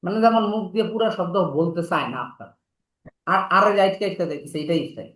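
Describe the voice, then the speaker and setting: A man teaching an online English class, rattling off quick explanations and then slowing down for model sentences. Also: high-pitched, a bit bright, reverberant, low-quality recording. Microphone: video call.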